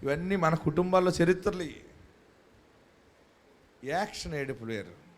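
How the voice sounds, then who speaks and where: A male pastor preaching a sermon at a live church service, building to shouted climaxes. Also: a little high, animated, normal speed, a little hiss or hum.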